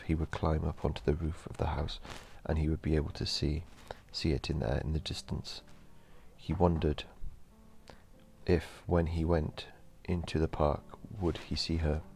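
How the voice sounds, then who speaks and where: A man narrating a horror story in a slow, measured storytelling delivery. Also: rumbling low, level tone, vocal fry, darkish tone.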